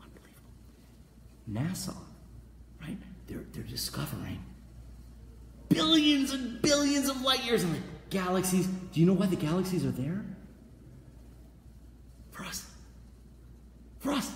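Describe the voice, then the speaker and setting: A man in his thirties, a rabbi teaching a weekly class, animated and gesturing, bursting into loud acted voices. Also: high-pitched, measured pace, long pauses, a little hiss or hum. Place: small room before a banner backdrop, live class. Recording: echoey room with long reverb.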